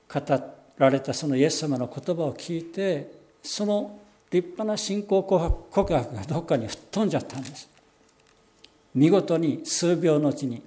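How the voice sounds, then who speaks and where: A pastor giving a sermon, explaining scripture in a measured way and slowing down on key phrases. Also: male voice, on the high side, warm tone. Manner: measured, explanatory preaching with slowed emphatic phrases.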